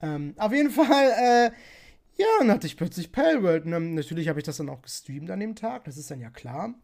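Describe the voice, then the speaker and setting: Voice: mid-range voice, sing-song, brisk, vocal fry, a little mellow. A podcast host and streamer in casual chat, rambling with many fillers and laughing often.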